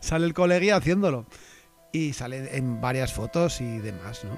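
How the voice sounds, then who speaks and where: A man's voice: medium pitch, animated, normal speed, faint music behind. A man hosting a casual satirical podcast, joking and rambling with lots of fillers and restarts. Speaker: podcast host.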